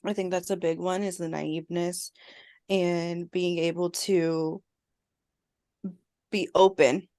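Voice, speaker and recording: A woman therapist co-hosting a podcast in casual chat, a bit hoarse and clearing her throat as she loses her voice. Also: on the low side, flat delivery, slow, long pauses, darkish tone. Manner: conversational, reflective.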